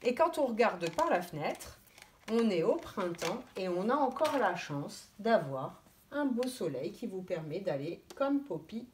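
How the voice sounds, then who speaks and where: Slow, sing-song preschool teacher woman. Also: mid-range voice, sing-song, slight background noise. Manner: slow, clearly articulated, sounding out letters; gently instructive, addressing children directly. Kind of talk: teaching young children remotely.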